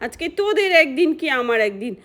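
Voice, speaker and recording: A woman's voice: very animated, quick pace, a bit bright. A woman voicing an angry, scolding village aunt in a doll-play story. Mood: indignant. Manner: shrill, threatening, complaining.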